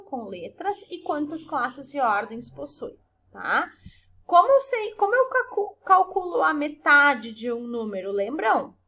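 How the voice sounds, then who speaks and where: A woman teacher records a lesson for children, her voice high and clear. She explains patiently, stretching example words to stress their syllables and ending points with short tag questions. The delivery is gentle and methodical. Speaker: primary school teacher. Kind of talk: recorded remote class for children.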